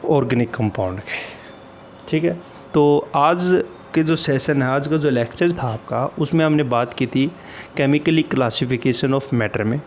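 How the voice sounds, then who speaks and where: A man teaching chemistry in a slow classroom lecture, who asks questions and answers them himself, repeats key terms and mixes in English phrases. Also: medium pitch, a little mellow, a little hiss or hum.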